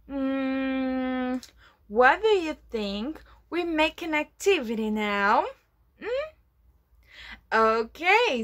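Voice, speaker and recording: A woman teaching children online, reading a storybook aloud and then guiding a craft activity in a slow, clear, expressive way. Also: high-pitched. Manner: slow, clear, expressive delivery for young learners.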